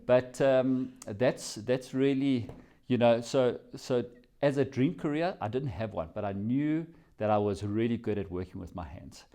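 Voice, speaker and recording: A man's voice: mid-range voice, measured pace, mellow. A South African man answering interview questions, telling his story in a reflective, rambling way. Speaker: company CEO, guest.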